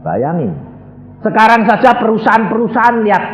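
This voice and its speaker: A man preaching a sermon, animated and teasing his listeners with questions and mock prayers. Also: high-pitched, fairly quick, roomy sound, soft background music, rough recording. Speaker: evangelist preacher. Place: church.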